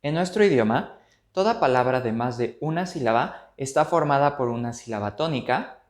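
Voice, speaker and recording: Guy teaching grammar, slow careful words, roomy echo. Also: medium pitch, expressive, faint music behind. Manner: slow, careful explanation, drawing out example words. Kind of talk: scripted grammar lesson.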